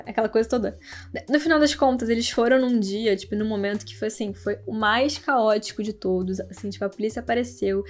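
A young woman hosts a podcast, telling astrology-themed stories in a casual, chatty way, laughing and tossing in slangy asides. She has a Brazilian Portuguese accent, and her voice is brisk and on the high side.

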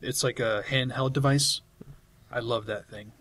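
A man from Britain co-hosts a casual gaming podcast, rambling enthusiastically through his explanations with plenty of fillers. His voice sits at an ordinary middle pitch. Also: fairly even intonation, unhurried, a bit bright. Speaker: podcast co-host.

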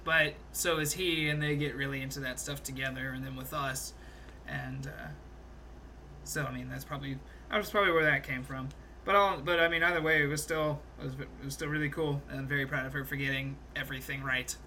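A young man co-hosting a podcast, casually recounting movie scenes in an animated way, laughing and swearing now and then. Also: medium pitch, brisk, slight background noise. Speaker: podcast co-host. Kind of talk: casual movie review chat.

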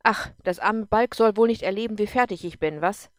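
A woman voicing a drunk, bitter man who talks loudly and with contempt, in an audiobook. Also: medium pitch, a little fast, no room sound, studio quality, lightly acted. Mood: angry. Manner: loud, contemptuous, pushing. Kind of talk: audiobook character voice.

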